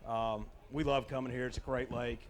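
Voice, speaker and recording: A man's voice: mid-range voice, normal speed, slight background noise. A man, a tournament angler, casually telling the crowd about his fishing day and thanking sponsors. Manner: relaxed storytelling. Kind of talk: casual onstage remarks.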